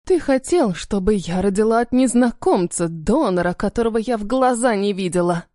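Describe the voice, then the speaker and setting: A woman's voice: medium pitch, animated, normal speed, mellow, no echo, studio quality, natural voice. A woman voicing a frightened young wife who pleads in a trembling voice. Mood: pleading.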